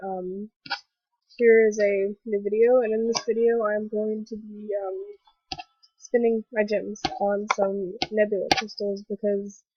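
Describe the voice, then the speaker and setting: A young woman with a stuffy cold voice hosting a casual gaming commentary vlog, rambling excitedly with lots of fillers. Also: mid-range voice, breathy edge, no room sound. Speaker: gaming video host. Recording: dull lo-fi voice recording.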